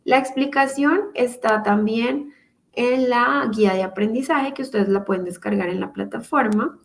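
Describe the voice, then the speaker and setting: A woman's voice: on the high side, normal speed, creaky, rough recording. A woman teaching an online class, explaining patiently step by step over a computer microphone. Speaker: English teacher. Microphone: computer mic on a video call.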